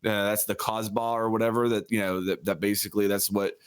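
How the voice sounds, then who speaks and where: A man with a somewhat low voice joins a gaming podcast chat. He talks hesitantly, starting over and filling pauses as he gathers his thoughts. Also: flat delivery, smooth. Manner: hesitant, filler-heavy.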